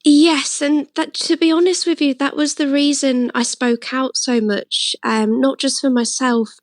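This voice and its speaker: A woman's voice: high voice, flat delivery, a little slow, no echo. A woman with an English accent being interviewed on local radio, talking earnestly and at length with frequent fillers. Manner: earnest, relieved, talkative with fillers. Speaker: interviewee, motorist who campaigned.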